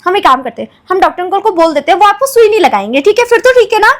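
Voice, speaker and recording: A woman's voice: very high-pitched, big pitch swings, very fast. A young woman playing a worried mother in a home family vlog skit, fussing over her child and repeating her name.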